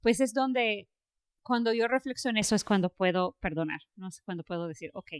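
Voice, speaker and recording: A woman hosting a faith podcast, telling a story in a lively way with frequent fillers and laughs. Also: medium pitch, brisk, clear, resonant tone. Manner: animated storytelling, laughs often, many fillers. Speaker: podcast host. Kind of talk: casual faith conversation.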